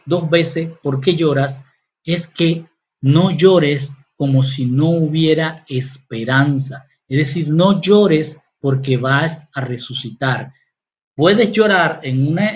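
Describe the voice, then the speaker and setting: Brief: male Bible teacher, slightly higher voice, reads verses and explains them to the congregation, dull lo-fi audio. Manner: reads scripture aloud and comments on it, repeating key phrases; addresses listeners directly. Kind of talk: Bible study sermon. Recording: dull, lo-fi recording.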